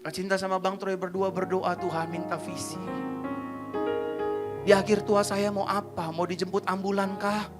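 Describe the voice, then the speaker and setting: A woman pastor preaching a sermon, moving from quiet prayerful passages to loud, fervent exhortation. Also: medium pitch, little pitch movement, normal speed, over loud music.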